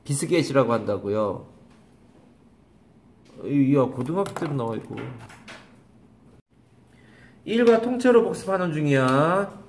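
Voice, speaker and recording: A man's voice: a little high, very animated, unhurried, pauses often, slight background noise. A man teaching an English grammar lesson to a class, calling on students by name, repeating questions and scolding them. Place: small classroom.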